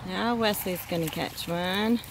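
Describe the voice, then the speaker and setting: A woman's voice: on the low side, unhurried, vocal fry, background noise. A woman making short, offhand remarks outdoors by a creek, picked up from a distance by a phone. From Texas. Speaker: fishing companion. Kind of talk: casual remarks off camera.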